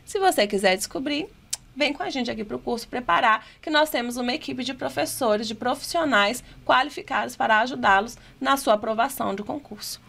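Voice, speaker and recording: A woman teacher with a Brazilian Portuguese accent and a high voice explains exam questions in a prep lesson. She keeps asking rhetorical questions and reads the English items slowly and deliberately. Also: gravelly, a bit bright.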